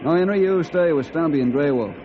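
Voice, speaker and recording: An actor playing an earnest, steady forest ranger hero in an old-time radio adventure, speaking respectfully and clearly. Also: male voice, fairly high pitch, fairly quick, close to an everyday voice. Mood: resigned. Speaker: lead ranger. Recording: muffled, noisy old radio recording.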